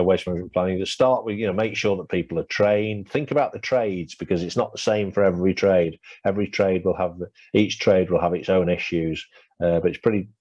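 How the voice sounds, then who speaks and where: A man hosts a webinar Q&A in a low, mellow voice that is going hoarse, peppering his speech with fillers and false starts. The recording is dry and has a dull, lo-fi sound.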